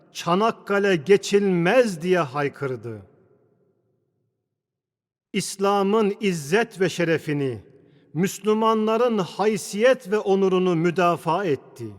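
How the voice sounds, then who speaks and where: Guy preaching a formal sermon, really slow and declamatory, big cathedral echo all over it. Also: high voice. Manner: measured, declamatory, with deliberate pauses between phrases. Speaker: preacher delivering a Friday sermon. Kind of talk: formal sermon, solemn oratory. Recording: long cathedral-like echo of a large hall.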